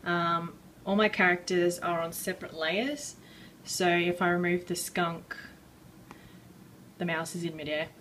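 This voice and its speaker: A woman giving a casual drawing tutorial, rambling and self-deprecating with many fillers, a bit out of breath and clearing her throat. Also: lowish voice, little pitch movement, a little slow, a bit bright, recorded from a distance, a little hiss or hum, low-quality recording. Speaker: art tutorial maker.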